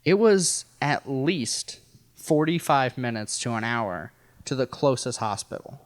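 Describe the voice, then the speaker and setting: With a mid-range, animated voice at a measured pace, a rural Missouri man shares a personal story on a podcast as a guest, casual, wry, self-deprecating, and profane. He is American, and the recording has no room sound.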